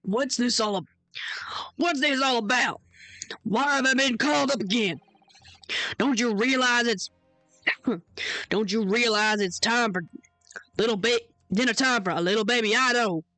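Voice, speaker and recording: A woman's voice: on the high side, unhurried, pauses often, sharp tone, no room sound, soft background music. A woman voicing an indignant, doting father called back as a witness, blustering and huffy.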